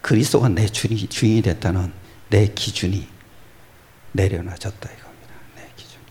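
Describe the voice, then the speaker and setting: A man preaching a sermon as pastor, swinging from loud exclamations to hushed whispers and answering his own rhetorical questions. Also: on the low side, moderate pace, slight background noise.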